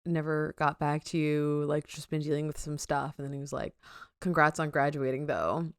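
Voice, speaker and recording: A woman's voice: deep voice, steady tone, normal speed, clean tone, no echo, studio quality. A young woman co-hosting a podcast, chatting casually and rambling with lots of fillers and giggles. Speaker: podcast co-host. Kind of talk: casual chat.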